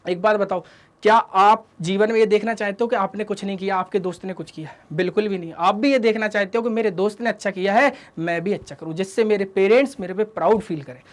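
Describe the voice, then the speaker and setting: A man's voice: high voice, fast talker. A male teacher giving a motivational study talk to students, lecturing in a fatherly, scolding way with rhetorical questions and English catchphrases. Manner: scolding and fatherly, addresses listeners as "beta", asks rhetorical questions; mixes English catchphrases into the lesson.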